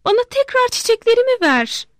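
Woman playing a little girl, upset, pleading, very high voice, slow, dry close sound, storybook. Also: sing-song, no room sound. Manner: pleading and crying out. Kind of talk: bilingual read-aloud story.

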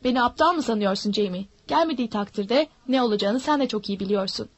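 A woman voicing a sly, menacing old male pirate who coaxes and threatens smoothly. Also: on the high side, animated, fast, no room sound. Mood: threatening. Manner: smooth-talking, mocking threats.

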